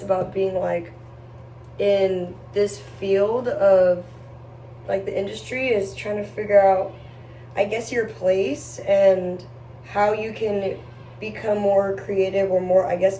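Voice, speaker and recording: A woman's voice: medium pitch, steady tone, slow pace, mellow. A young woman chatting casually to camera in a rambling, slangy, girly way as she vlogs indoors. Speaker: lifestyle vlogger. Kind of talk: casual get-ready-with-me chat to camera. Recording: roomy, distant mic, faint background noise.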